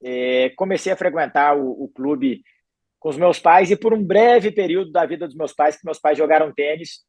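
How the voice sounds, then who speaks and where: Calm retired athlete from Belo Horizonte. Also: male voice, on the high side, normal speed, no echo. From Belo Horizonte, Brazil. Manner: calm, easygoing, reflective. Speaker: guest, retired tennis player. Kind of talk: relaxed interview storytelling. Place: podcast studio.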